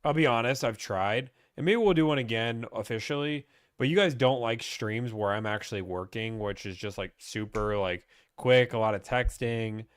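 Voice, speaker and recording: A man's voice: mid-range voice, normal speed, hardly any pauses, clear, resonant tone, no room sound, clean studio sound. A young man from Pittsburgh, chatting casually as he reads and answers viewer questions about car buying on a live stream.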